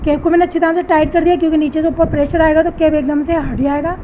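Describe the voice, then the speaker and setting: A woman's voice: high-pitched, little pitch movement, quick pace, noisy background. A woman giving step-by-step household tips at home. She speaks straight to her viewers, patiently repeating each step.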